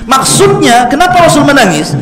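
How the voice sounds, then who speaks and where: A man preaching an informal religious lecture as a lively storyteller who jokes with listeners and acts out quoted lines. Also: very high-pitched, normal speed. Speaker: Islamic preacher. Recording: echoey room, faint background music.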